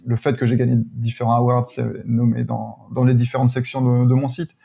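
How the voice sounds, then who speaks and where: A man being interviewed as a guest, explaining calmly with hesitations. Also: mid-range voice, a little fast, vocal fry. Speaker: wedding photographer guest. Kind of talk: casual interview chat.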